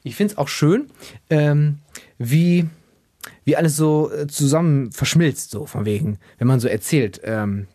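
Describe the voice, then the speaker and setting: A young man hosts a podcast, rambling in a loose monologue and amused by his own stories. He sounds tired, and his voice sits a little high. The sound is dry and close, with no room around it. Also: unhurried, mellow, dry recording. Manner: chatty, rambling, self-amused, puts on silly baby-talk voices. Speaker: podcast host. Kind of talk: casual monologue.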